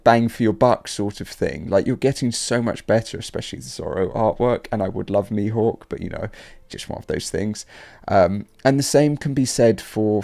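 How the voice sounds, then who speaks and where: Host type: sick man, low and mellow, gravelly, loose rambling commentary. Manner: rambling, filler-heavy. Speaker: card market channel host. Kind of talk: casual market commentary.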